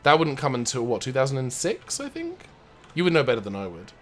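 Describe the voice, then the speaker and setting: A man's voice: medium pitch, wildly swooping pitch, a little fast. A man co-hosting a casual gameplay show, joking and laughing as he plays, with faint game music behind him. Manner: joking, playful, laughs often. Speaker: co-host playing a video game.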